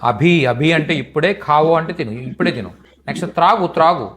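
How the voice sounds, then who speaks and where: A man's voice: a little high, fairly quick, fairly bright tone. A man teaching in a live online language class, repeating each phrase patiently for students. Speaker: Hindi teacher.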